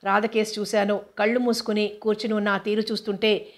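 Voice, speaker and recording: A woman narrating a humorous novella in a steady, even storytelling way. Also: medium pitch, brisk. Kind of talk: reading a humorous novella aloud.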